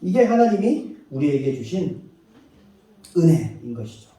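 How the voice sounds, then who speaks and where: Lively high-voiced man preaching in an echoey church. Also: unhurried. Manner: lively preaching with acted quotes and light laughs. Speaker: pastor. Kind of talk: sermon. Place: church sanctuary. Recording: echoey hall, mic far off.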